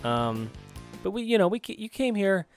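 A man's voice: high-pitched, sing-song, normal speed, faint music behind. A young man co-hosting a casual gameplay commentary, rambling and joking with frequent laughs. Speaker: co-host of a gaming channel.

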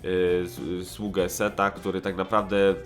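Here the same kind of speaker, a man in his 20s hosting a retro cartoon review show, sounds low-pitched and flat, keeping a measured pace. His review is loose and rambling, hesitant and slangy, with many self-corrections, and music plays under his voice.

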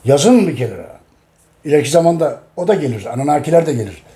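A man's voice: fairly high pitch, animated, fast, warm tone. A middle-aged man talking casually to his audience, emphatic and repeating each phrase. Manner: addresses his audience directly. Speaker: host. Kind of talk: casual talk.

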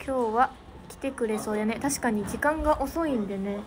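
Young idol livestreamer, woman, Niigata accent, bright higher voice, giggly chat over a noisy background. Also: a little fast. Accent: Niigata Japanese. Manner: chatty, giggly, thanks viewers by name. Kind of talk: casual livestream chat with fans.

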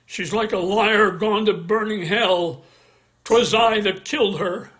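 Brief: a man reading a tormented jealous general, slow and heavy in the verse, voice sitting fairly high. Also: fairly bright tone. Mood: accusing. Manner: slow, weighty verse delivery. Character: jealous tormented male general, middle-aged. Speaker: reader in an online play reading. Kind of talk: dramatic Shakespeare reading. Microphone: video call.

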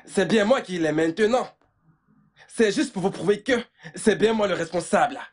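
A man voicing a bumbling, excitable male house servant in a dubbed film, flustered and giggly by turns, given to loud wailing. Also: sits high, moderate pace. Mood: boastful.

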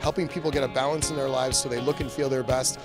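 A man's voice: mid-range voice, fairly even intonation, fast talker, music in the background. A man, a celebrity trainer, talking with enthusiasm on a red carpet. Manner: enthusiastic, upbeat.

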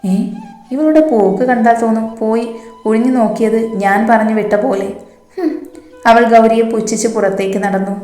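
A woman's voice: on the high side, moderate pace, mellow. A woman narrating a romance story, reading every character in her own voice with small shifts for each. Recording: echoey room with faint music. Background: faint background music.

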